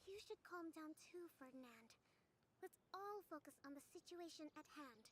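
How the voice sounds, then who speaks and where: A chirpy, chatty little companion in a video game, talking in a very high, bouncing voice. Some background noise sits clearly under the lines. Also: female voice, animated, normal speed. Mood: calm. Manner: eager, chirpy.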